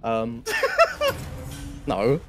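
A woman with a British accent chatting on a gaming stream, giggling, swearing and jumping into squealing highs. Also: drawn-out words. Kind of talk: casual gaming stream chat. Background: background music.

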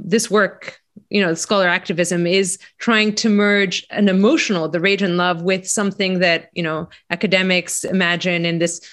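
A woman's voice: fairly low pitch, a bit bright. Panelist, woman; loose, conversational delivery full of "you know"s. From Greece. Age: 40s. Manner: conversational, many "you know" fillers and restarts. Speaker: panelist, center executive director. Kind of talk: panel discussion.

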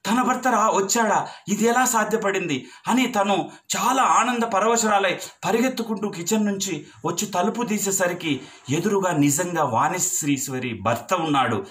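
A man's voice: high-pitched, moderate pace, fairly bright tone. A man narrating a devotional story with emotional, repetitive phrasing.

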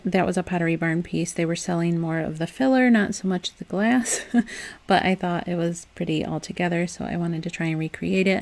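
A woman's voice: on the low side, creaky. A young woman chatting through a home craft tutorial in a casual, upbeat voice-over. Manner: chatty and upbeat, with soft laughs and loose restarts. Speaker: DIY home decor vlogger.

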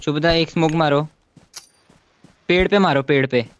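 A man's voice: on the high side, normal speed, dull audio, background noise. A man leading his squad in a shooter game, giving urgent, repeated commands to teammates. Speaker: squad leader streaming a battle royale game. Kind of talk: live gameplay callouts. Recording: loud gunfire under game audio.

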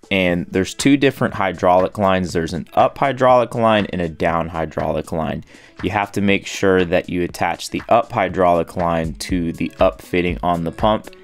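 A man in his thirties giving a steady, step-by-step voice-over on a boat installation. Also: low voice. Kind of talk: voice-over how-to narration. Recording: faint music underneath.

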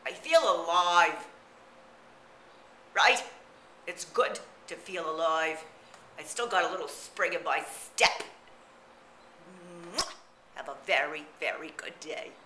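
A man playing a gossipy old woman in a retirement home, chatty and rambling, with a drawn-out, wobbly voice. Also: high voice, lively intonation, bright, forceful tone, a little hiss or hum, exaggerated voice. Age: older. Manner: chatty, rambling, full of "you know" and cackling asides. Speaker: comic character monologue. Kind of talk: character comedy monologue to camera. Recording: roomy echo.

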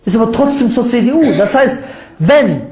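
A man giving an informal religious lecture that rebuts critics, lively and mocking, with ironic asides and quick laughs. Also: extremely high pitch. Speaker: Islamic preacher. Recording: echoey room sound.

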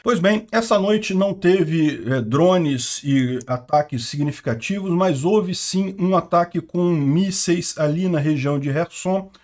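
A man's voice: fairly high pitch, unhurried, few pauses, a little mellow. A man from Brazil hosting a news commentary on the war, talking informally and with strong opinions, often ending sentences with a questioning tag. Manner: informal, opinionated, frequent "né?" tags. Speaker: host of a war news channel. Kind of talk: news commentary over a map.

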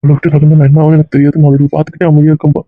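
A man's voice: fairly high pitch, monotone, racing, dry recording, close to an everyday voice. A man playing a heartbroken young husband who pleads with his unconscious wife in hospital. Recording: phone-like dry recording.

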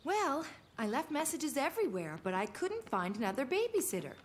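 Kindly, polite cartoon mother, fairly high, animated intonation. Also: fairly quick, slight background noise. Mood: apologetic. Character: warm, polite cartoon mother of small children. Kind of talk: children's cartoon acting.

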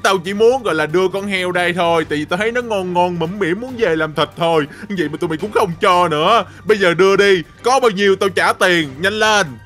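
A man's voice: high-pitched, fairly quick, few pauses, a bit bright, faint music behind. A man voicing a boastful bullying village thug boss in a game role-play, taunting with mocking laughter.

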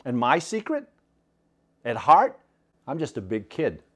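Animated storytelling man. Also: mid-range voice, a little slow, soft background music. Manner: animated, conversational, asks listeners "right?". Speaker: speaker. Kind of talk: storytelling talk.

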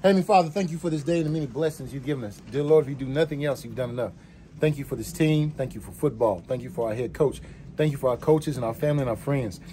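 A man's voice: medium pitch, fast talker, warm tone. A man leads a team prayer before a game, reciting short, repeated lines of thanks in a locker room. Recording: noisy locker room ambience.

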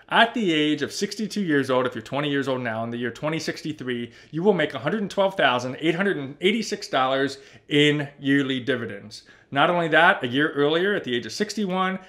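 This thirty-something personal finance YouTuber is emphatic and animated as he goes over a spreadsheet, looking straight at the viewer from his home office. He has a fairly high voice.

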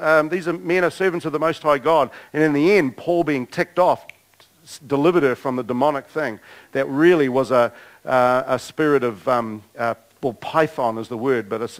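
A middle-aged man preaching a sermon to a church congregation. He tells stories in an animated way, acts out the voices of people in them, and pokes fun at himself. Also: medium pitch, poor audio. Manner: animated storytelling, acting out quoted voices, self-mocking humor. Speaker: pastor. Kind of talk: storytelling sermon. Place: church service before a congregation.

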